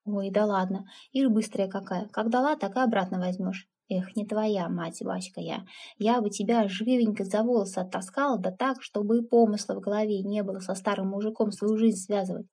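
A woman's voice: medium pitch, fairly even intonation, fairly quick, warm tone, breathy edge. A woman voicing a blunt, stubborn older village aunt who scolds and mocks in folksy speech. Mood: scolding.

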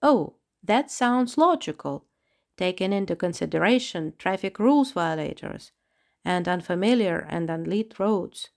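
A woman's voice: fairly low pitch, lively intonation, unhurried, vocal fry, a little mellow. Woman playing a sensible doll. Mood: polite. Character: sensible, attentive female doll.

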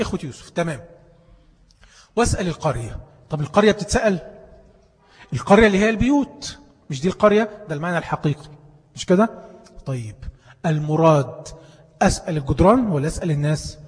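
A man's voice: a little high, husky. A male teacher with an Egyptian Arabic accent gives a classroom lesson, firing questions at his listeners and then answering them himself. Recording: long hall reverb.

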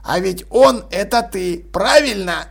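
A man voicing a hushed, dry-spoken old uncle in an audiobook. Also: sits high, animated, unhurried, vocal fry, exaggerated voice.

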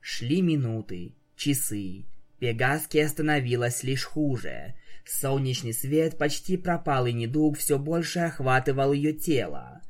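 A man narrating a fan fiction story aloud in an even storytelling delivery. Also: mid-range voice, measured pace.

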